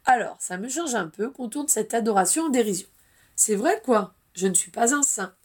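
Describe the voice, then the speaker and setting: A woman's voice: fairly high pitch, lively intonation, normal speed, breathy edge. A woman reading the lines of a modest, dutiful young man, an Auror, earnestly and plainly.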